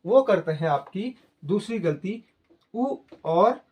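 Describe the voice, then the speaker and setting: A male teacher explains a grammar lesson at a slow, unhurried pace. He repeats each point patiently and keeps turning to his listeners to check they follow. The delivery is plain and classroom-like. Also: high-pitched, animated. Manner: patient, repetitive, addresses listeners directly. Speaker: Hindi teacher.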